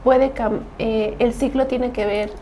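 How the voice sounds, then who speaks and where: Soft-spoken woman host asking questions. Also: on the high side, steady tone, slow pace, slight background noise, low-quality recording. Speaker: interview host. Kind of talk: interview questions.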